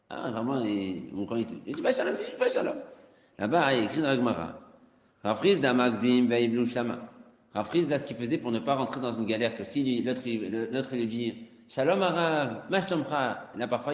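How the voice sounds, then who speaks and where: A man's voice: mid-range voice, fairly quick. Male rabbi teaching an informal class, repetitive and emphatic, recorded with long hall reverb. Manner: informal, repeats key points, rises to emphatic bursts. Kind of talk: informal Talmud lesson. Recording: echoey hall, dull lo-fi sound.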